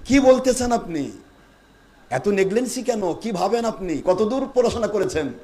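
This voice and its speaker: A high-pitched man delivers a fiery sermon at a religious gathering. He fires rhetorical questions, scolds, and draws answers from the crowd. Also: lively intonation, normal speed, a little mellow. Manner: call-and-response with audience, scolding and rhetorical questions. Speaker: preacher. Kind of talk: Bengali waz sermon.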